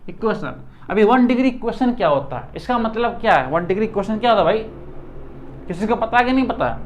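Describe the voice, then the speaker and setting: A man teaching math in a casual classroom lecture, chatty, repeating questions back to his students. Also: high-pitched.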